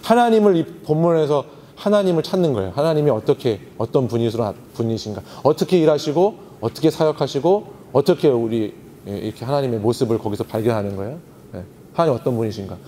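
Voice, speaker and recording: Pastor teaching in a reverberant hall. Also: male voice, medium pitch, expressive, quick pace, dark tone, slight background noise. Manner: teacherly, asks the audience questions and answers himself. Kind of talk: seminar talk on Bible meditation. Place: church hall at a youth retreat. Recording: long hall reverb, faint ambience.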